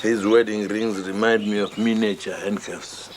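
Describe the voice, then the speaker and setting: An actor playing a sardonic, humorless co-worker with a deadpan delivery in a screen comedy. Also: male voice, on the low side, moderate pace, lightly acted. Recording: clear background noise.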